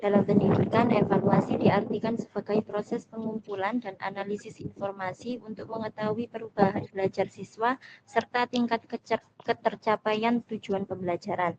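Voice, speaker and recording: A young woman presents her part of a class talk, reading prepared notes in a steady, formal way. The recording sounds dull, and background noise is plainly heard. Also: mid-range voice, normal speed. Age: young adult. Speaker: student presenter.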